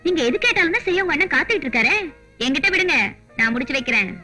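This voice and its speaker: A lively, teasing young sister-in-law in a film drama. Her voice sits high and very bright, quick and full of movement, over a soft wash of music. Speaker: actor in a film. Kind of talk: film dialogue.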